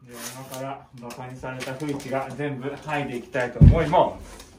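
A man's voice: medium pitch, fairly even intonation, a little fast. A young man with a Kansai accent, chatting casually at home in a family vlog and teasing with mock indignation. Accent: Kansai Japanese. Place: home room. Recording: roomy, distant mic, faint noise.

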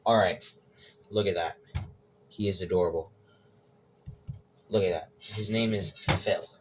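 A man's voice: low-pitched, fairly even intonation, a little slow. A man hosting a casual cooking vlog, talking through his steps with joking, self-mocking asides. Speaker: cooking vlogger. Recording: loud background noise.

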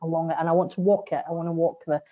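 A woman's voice: low-pitched, steady tone, racing. A middle-aged woman, a webinar guest, talking reflectively and hedging often, from a home study over a video call. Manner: reflective, hedging with many "kind of"s. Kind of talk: online panel interview. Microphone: laptop webcam video call. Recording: dull lo-fi video call audio.

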